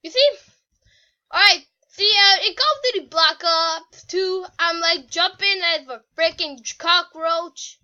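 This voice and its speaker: A woman's voice: very high voice, a little slow, bright, forceful tone. A woman hosting a casual gaming video, rambling and joking in slangy talk. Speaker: channel host. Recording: muffled lo-fi recording.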